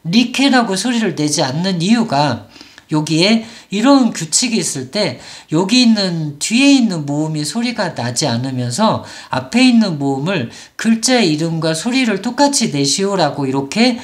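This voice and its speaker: A woman teaching English pronunciation, explaining patiently and modelling each word slowly, several times over. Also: on the low side, sing-song. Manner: patient, models words slowly and repeats them. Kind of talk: explanatory lesson.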